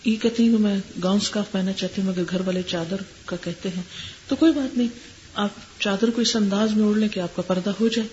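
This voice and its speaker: A woman teacher gives gentle Islamic advice to listeners' questions, mixing in English words and often checking that they follow. Her voice sits at a middling pitch. The recording is dull and lo-fi, with a faint hiss underneath. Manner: mixes English words into speech.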